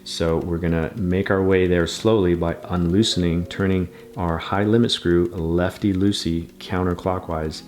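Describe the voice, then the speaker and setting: A man's voice: deep voice, fairly even intonation, a little slow, hardly any pauses, a little mellow. A man giving a patient, methodical bike repair tutorial, talking through each step as he works. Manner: patient, methodical, repeats steps.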